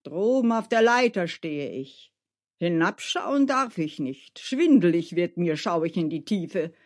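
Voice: medium pitch, very animated, unhurried. A storyteller voicing a careful, gloomy male gardener who warns and grumbles, in a storybook reading. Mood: grumbling. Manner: warning, grumbling.

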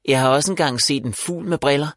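A man's voice: mid-range voice, a bit bright, no room sound, pitched above the performer's own voice, lightly acted. A man voicing a chatty young village girl who likes to tell tall tales, in a children's audiobook. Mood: eager. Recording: dry close voice.

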